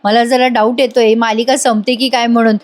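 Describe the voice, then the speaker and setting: A woman's voice: fairly high pitch, level tone, a little fast. A woman narrating a casual serial review in a chatty way, talking directly to viewers. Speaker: voice-over reviewer.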